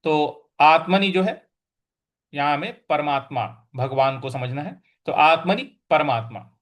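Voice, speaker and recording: A man's voice: fairly high pitch, a little slow, a bit bright. A man teaching a scripture class, patiently repeating each word and chanting the verses. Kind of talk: slow recitation and pronunciation lesson.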